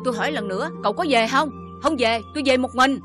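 A woman's voice: high voice, fast, music in the background, lightly acted. An actress playing a scornful older village mother. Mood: scornful anger. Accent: Southern Vietnamese. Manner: sharp, sarcastic scolding.

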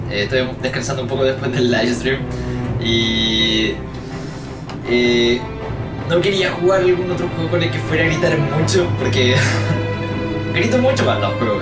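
A man's voice: mid-range voice, distant mic. A man giving chatty gameplay commentary, joking and thinking aloud as he explores. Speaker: let's play gamer. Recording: roomy echo, voice a bit off-mic. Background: game music.

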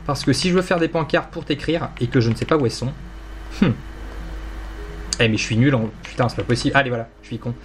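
A young gaming YouTuber casually comments on his Minecraft gameplay, rambling playfully while teasing and mocking himself. His medium-pitched voice moves quickly with frequent pauses and a slight hiss or hum.

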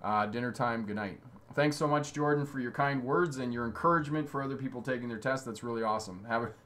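A man's voice: mid-range voice, fairly bright tone. A man in his fifties from Ontario, a driving instructor hosting a livestream, reading viewers' questions aloud and answering them with upbeat encouragement. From Ontario, Canada. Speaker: driving instructor and channel host. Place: indoor home studio with signs on the wall.

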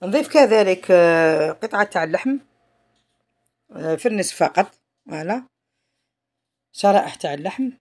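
A woman's voice: on the low side, animated, fairly quick, pauses often, darkish tone. A woman with an Algerian Arabic accent, narrating a home cooking tutorial in a chatty way, often trailing off mid-phrase. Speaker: home cook.

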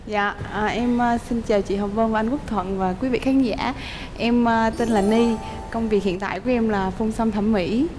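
A woman's voice: on the high side, fairly even intonation, normal speed, hardly any pauses, over music. A woman aged 30 with a southern Vietnamese accent, telling stories casually and playfully as a talk show guest. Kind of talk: animated casual storytelling. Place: TV studio stage.

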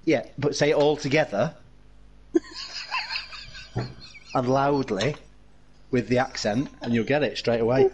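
A man's voice: mid-range voice, measured pace, long pauses, noisy background. A British man chatting casually with friends over a gaming headset, teasing and egging them on. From United Kingdom. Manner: teasing, laughing, eggs others on. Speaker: online game player. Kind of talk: casual party chat while gaming.

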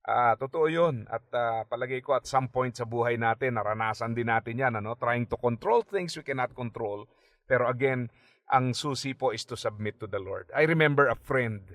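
A man's voice: mid-range voice, normal speed, no echo. Filipino man giving a radio Bible talk. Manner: conversational, mixing English phrases, frequent tag questions; animated when retelling stories. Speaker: radio program host. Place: radio studio.

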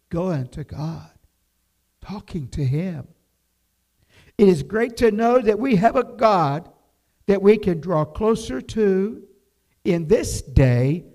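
An older man preaching a devotional sermon from a church pulpit, slow and emphatic, reading scripture aloud. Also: high voice, darkish tone. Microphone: pulpit microphone, far camera.

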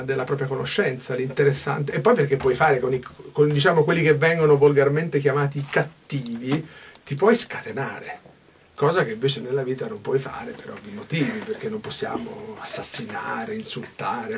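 A man's voice: mid-range voice, creaky, a little hiss or hum. A stage actor in his fifties gives a backstage interview in a small dressing room. He talks thoughtfully, gestures a lot and often restarts mid-phrase.

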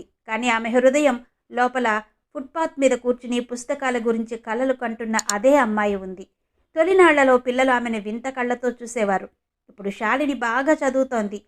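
Female storyteller, scripted narration, slightly high voice, steady delivery.

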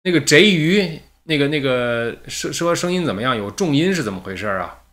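A man's voice: on the high side, lively intonation, fairly quick, a bit bright. A man hosting a casual livestream. He chats to viewers about his mic and then reads a listener's letter aloud. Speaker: livestream host. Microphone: streaming mic with a noise gate.

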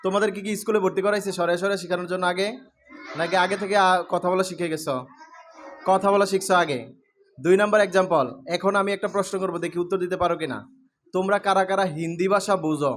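A man teaching English to a room of schoolchildren, asking questions and calling out letters loudly. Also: high voice, steady tone, a little fast, a little hiss or hum. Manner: calls out questions and drills the class, often loudly. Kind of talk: classroom lecture to students. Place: classroom with pupils.

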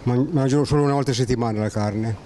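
A middle-aged man speaks in short, halting phrases as he answers a street interviewer. His voice is mid-pitched, and there is faint street noise behind the handheld mic. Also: mellow. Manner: halting, plain-spoken. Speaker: passer-by. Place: outdoors on a street with parked cars. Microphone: handheld mic held by interviewer.

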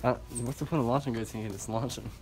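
A man's voice: medium pitch, fairly even intonation, very fast. A young man bantering casually in a vlog, with a slangy, joking bro manner. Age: young adult. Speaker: prank vlogger. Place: large retail store, indoors. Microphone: handheld camera, later a phone. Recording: loud background noise, handheld camera audio.

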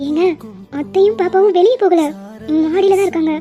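A woman's voice: very high voice, brisk, highs cut off, faint music behind. Woman voicing a coy teasing young wife. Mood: pleading.

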